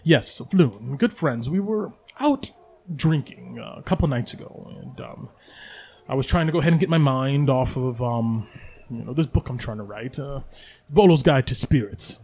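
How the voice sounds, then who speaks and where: A man's voice: mid-range voice, lively intonation, moderate pace, a little mellow, slightly rough. Volo, a man playing a rambling writer. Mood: chatty. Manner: rambling, theatrical, sarcastic asides. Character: fussy, talkative male traveling writer. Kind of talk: tabletop game voice acting.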